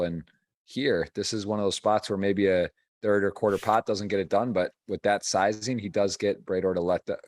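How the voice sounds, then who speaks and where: A man giving conversational live poker tournament commentary as the host of a stream. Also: low voice.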